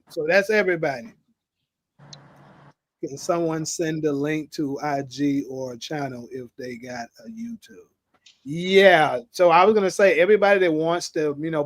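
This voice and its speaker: A man's voice: fairly high pitch, dry recording. Slangy man hosting a dry call. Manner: loose, joking, slangy. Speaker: show host. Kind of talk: casual panel hosting. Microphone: video call.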